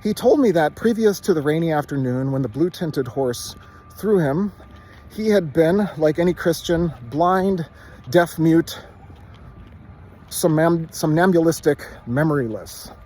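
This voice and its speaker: Man reciting by rote, higher-pitched voice. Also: expressive, a little mellow. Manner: reciting by rote in short measured phrases. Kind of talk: literary recitation from memory.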